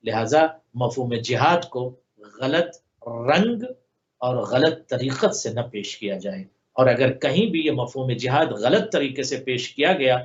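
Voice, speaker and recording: A male religious scholar on a live program, slowly reciting Arabic lines and then explaining them in long rhetorical lists of parallel phrases. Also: medium pitch, dull audio. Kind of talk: sermon commentary on a live TV program.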